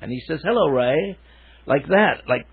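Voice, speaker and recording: An older man from Wales, a songwriter telling rambling, hesitant stories with many fillers in a relaxed interview. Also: on the high side, moderate pace, slightly rough. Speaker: songwriter guest. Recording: narrow phone-like radio sound.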